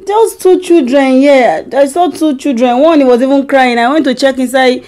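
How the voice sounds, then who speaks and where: Woman feigning amnesiac confusion, high Nigerian female voice. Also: moderate pace, dark tone, natural voice. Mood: bewildered, lost. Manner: amnesiac confusion, questioning and puzzled. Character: confused wife feigning amnesia, bewildered and lost. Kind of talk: prank phone call.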